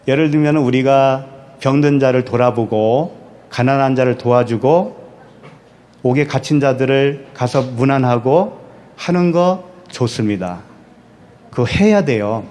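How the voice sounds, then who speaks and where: A man's voice: mid-range voice, a little mellow. A man preaching a sermon as pastor. He asks the congregation rhetorical questions, answers them himself, and repeats key words for emphasis.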